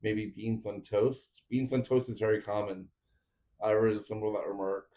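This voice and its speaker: A man's voice: lowish voice, level tone, moderate pace, warm tone. Rambling man chatting in a roomy space. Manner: rambling, chatting with viewers while assembling. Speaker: 3D printer build streamer. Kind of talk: casual livestream chat while building. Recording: roomy echo.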